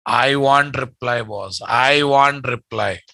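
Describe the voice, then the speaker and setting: A man's voice: medium pitch, slow, vocal fry, bright, forceful tone, dry recording. A man with a Telugu Indian accent teaching programming live, speaking emphatically, repeating his statements and quizzing his students.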